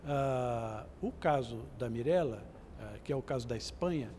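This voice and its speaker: A man's voice: medium pitch, moderate pace, darkish tone, a little hiss or hum. A man with a Brazilian accent, a diplomat guest answering formally, hesitant with many "ah" fillers. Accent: Brazilian Portuguese. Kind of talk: formal studio interview.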